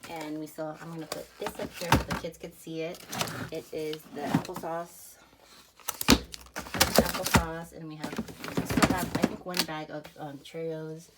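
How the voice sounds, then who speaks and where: A woman talks through her kitchen and garage freezer in a loose, chatty way, peppering her speech with "like" and "um." She is a little out of breath from a workout, and her voice sits on the lower side. Loud background noise runs under the recording. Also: little pitch movement, moderate pace. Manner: chatty, lots of fillers like "like" and "um". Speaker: family vlogger. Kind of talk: casual home tour narration. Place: home kitchen, pantry and garage.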